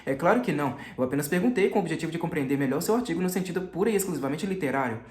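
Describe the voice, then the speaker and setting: A man's voice: on the high side, lively intonation, racing, lightly acted. A man voicing an insistent, fawning middle-aged magistrate in an audiobook reading. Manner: insistent, chatty, falsely friendly. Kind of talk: audiobook character voice. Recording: roomy echo.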